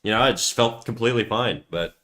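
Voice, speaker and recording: Brisk and fairly bright, his lowish voice carries a casual stream of chatter as he draws on a livestream. He wanders from thought to thought, curses a lot, mocks himself, and keeps restarting what he's saying.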